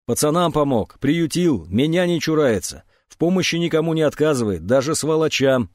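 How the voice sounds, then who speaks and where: A man's voice: medium pitch, sing-song, normal speed, darkish tone, no echo, studio quality, natural voice. A man reading an audiobook, voicing a stubborn, hot-tempered teenage boy who talks in a heated, defiant way.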